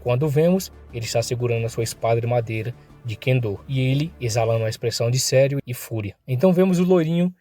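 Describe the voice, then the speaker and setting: Brazilian male recap narrator, mellow, mid-pitched voice; acts out the lines with bursts of pitch. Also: fast talker, few pauses, soft background music. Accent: Brazilian Portuguese. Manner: voices thug dialogue with rising pitch and force.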